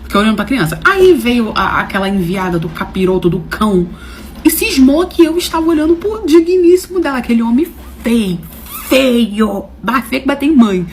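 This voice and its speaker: A woman telling a personal story to her viewers, animated and dramatic, with slangy phrasing and swings between loud and soft. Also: a little high, normal speed, slight background noise. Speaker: storyteller host. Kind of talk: casual storytelling to camera.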